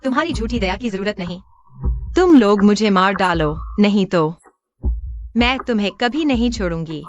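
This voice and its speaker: A woman's voice: medium pitch, expressive, normal speed, fairly bright tone, no echo, highs cut off, close to an everyday voice. A woman voicing a defiant, wronged young orphan woman who vows revenge in a dubbed drama. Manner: defiant, vengeful.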